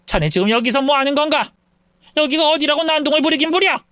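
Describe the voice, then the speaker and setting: A man's voice: very high voice, fast talker, fairly bright tone, no room sound, studio quality, voice pushed up. A man voicing an angry middle-aged mother-in-law who scolds and demands sharply. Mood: furious scolding.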